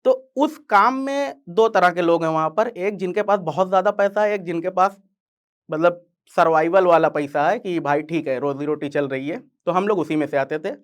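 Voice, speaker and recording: A man's voice: sits high, normal speed. A young man from eastern Uttar Pradesh with a Purvanchal Hindi accent, close to Bihari, telling his own story in a casual, chatty way. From Purvanchal, Uttar Pradesh, India. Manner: casual, chatty, addresses listeners as yaar. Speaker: content creator and guest speaker. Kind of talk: storytelling talk.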